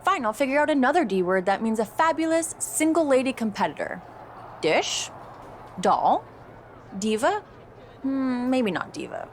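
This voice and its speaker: A woman voices a vain, self-absorbed young pro wrestler in a video game cutscene, sounding breezy, smug and gushing, with a sugary, passive-aggressive edge. Her voice sits high with big swings in pitch, at normal speed. There's slight background noise.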